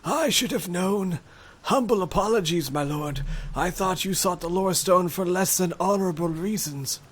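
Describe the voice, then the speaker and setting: Frail old male magician played by a male reader, shaky high voice, meek and apologetic storybook character. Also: normal speed, breathy edge. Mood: awed, apologetic. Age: older. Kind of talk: storybook character read aloud.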